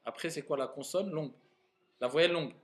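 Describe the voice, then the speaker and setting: A man teaching Arabic reading to a class, patiently repeating words slowly and clearly to correct his students. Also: fairly high pitch, a bit bright. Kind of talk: classroom lesson.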